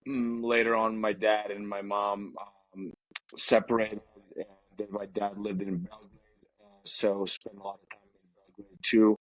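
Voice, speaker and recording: A man's voice: fairly low pitch, poor audio. A man from Serbia, talking as a guest in a casual interview, hesitant with many fillers and restarts.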